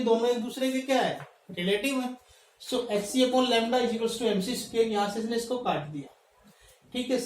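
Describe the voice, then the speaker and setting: A male teacher giving a classroom chemistry lecture. He addresses students as "beta" and keeps checking in with "thik hai", slowing down to dictate terms. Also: high-pitched, a little hiss or hum. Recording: echoey room, mic at a distance.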